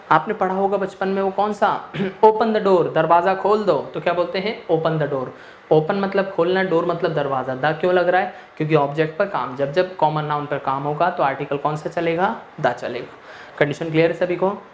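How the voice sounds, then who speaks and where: A man's voice: on the high side, fairly quick. A male English grammar teacher lecturing in a mix of Hindi and English, posing rhetorical questions and answering them himself. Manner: switches between Hindi and English mid-sentence. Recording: echoey room with faint noise.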